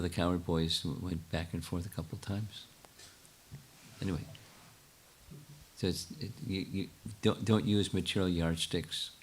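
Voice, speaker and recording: Low-voiced older man teaching. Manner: halting, many restarts, thinks aloud. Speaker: spiritual teacher answering questions. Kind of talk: lecture Q&A.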